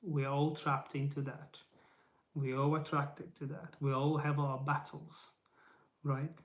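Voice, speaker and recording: A slightly high male voice with flat delivery moves at a slow pace, echoing in the room via the camera mic. He's a YouTube host, Portuguese by first language, giving a casual live motivational talk in English to camera, sounding earnest and encouraging. Rhetorical questions abound, often capped with "right?".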